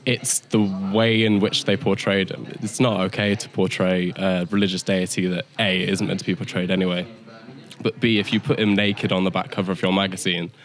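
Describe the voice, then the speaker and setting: Man, young adult, student, very deep, direct. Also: flat delivery, a little fast. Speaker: student interviewee. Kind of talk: casual vox-pop answers.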